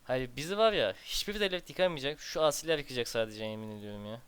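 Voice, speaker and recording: A man's voice: medium pitch, fast, fairly bright tone, smooth. A man casually commenting on his strategy game as he plays, muttering to himself and breaking into exasperated outbursts. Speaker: gameplay commentator.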